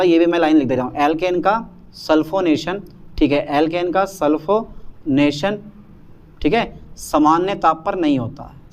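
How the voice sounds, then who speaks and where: A man teaching a chemistry lecture, repeating key terms and quizzing students with quick questions. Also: a little high. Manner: repetitive call-and-response questioning; calls students "beta" and "bhaiya". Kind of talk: classroom lecture.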